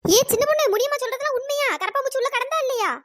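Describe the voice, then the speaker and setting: Squeaky, very high cartoon village women who bicker and scheme over snacks they won't pay for, all put on by one woman. They talk fast and teasing. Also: no echo, clean studio sound. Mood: quarrelsome. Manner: teasing, quarrelsome village banter. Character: group of scheming village women customers, cheeky and loud. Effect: pitched-up voice. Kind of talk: cartoon voice acting.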